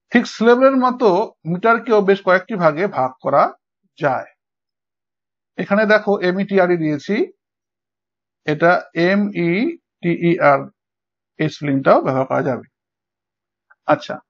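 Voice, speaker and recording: A man with a Bengali accent gives an online lesson on verse meter. His voice sits high, and he keeps asking his students whether they follow. The recording sounds dull and lo-fi. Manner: patient, checks understanding with frequent "okay?". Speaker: English literature tutor.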